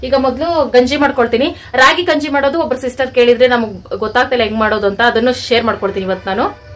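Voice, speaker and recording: A young village woman from talks straight to her followers and calls them friends, chatty and homely. Her voice sits high and bright. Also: quick pace. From Karnataka, India. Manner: chatty, addresses viewers as friends. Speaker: vlogger, channel host. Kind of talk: casual cooking vlog narration.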